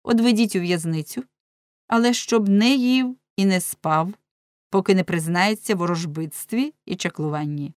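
A woman's voice: mid-range voice, moderate pace, dry recording, close to an everyday voice. Stern cold judge giving curt orders , woman reader doing it, dry close sound. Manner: curt, commanding. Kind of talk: dramatic audiobook reading.

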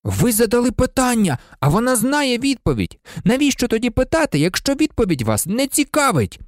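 An audiobook reader voicing an indignant teenage schoolboy who protests loudly at his teacher. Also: medium pitch, sing-song, fairly quick, dry recording, studio quality, voice pushed up, lightly acted. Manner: outraged, blurting.

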